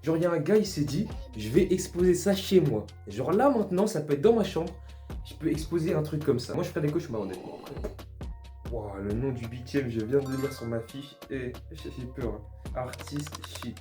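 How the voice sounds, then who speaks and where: A man's voice: medium pitch, warm tone. A man casually reacting to artworks, thinking aloud and sounding amused as he discovers each one. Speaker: art vlogger.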